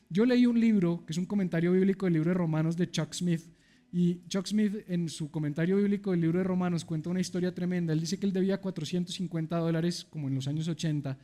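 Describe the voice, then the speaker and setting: A man's voice: a little high, warm tone. A middle-aged man, a pastor preaching a sermon in a church and acting out the voices of the people in his story. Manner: storytelling, acting out quoted dialogue. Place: church sanctuary.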